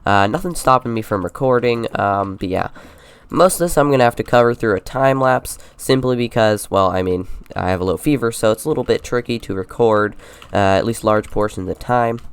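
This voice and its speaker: A young man with a congested, slightly sick voice, giving relaxed, rambling commentary on his Minecraft building. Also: on the low side, a little fast, clear, resonant tone, no room sound. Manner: relaxed and rambling, with many fillers. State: congested from a low fever. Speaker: Minecraft YouTuber. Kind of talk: casual gameplay commentary.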